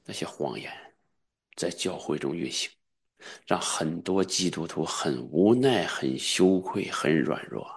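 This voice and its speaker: Husky-voiced man preaching a fervent sermon. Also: lively intonation, unhurried. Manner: swings between soft low asides and loud high fervent exclamations; chanting repeated commands in prayer. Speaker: pastor. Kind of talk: charismatic sermon.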